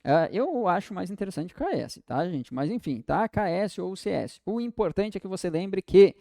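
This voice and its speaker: Man, Brazilian Portuguese accent, exam-prep teacher, higher voice, dry close mic. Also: vocal fry, no echo. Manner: lively, drawn-out example words.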